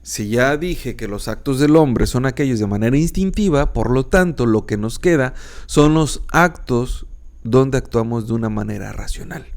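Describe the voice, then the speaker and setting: A man's voice: medium pitch, vocal fry, a little mellow. A man with a northern Mexican accent, teaching philosophy as a podcast host in an informal, emphatic way, repeating key words.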